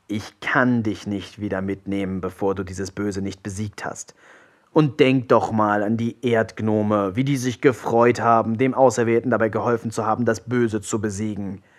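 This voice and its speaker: A man voicing a carefree, scheming pirate captain who talks softly and offhandedly. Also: lightly acted. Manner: soft, low-key and offhand.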